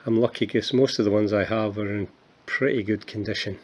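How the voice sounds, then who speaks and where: This Scot in his fifties talks fairly quickly in a steady, lowish voice. He chats casually through a show-and-tell vlog of his coin collection, mocking himself good-naturedly and stumbling through many fillers and restarts.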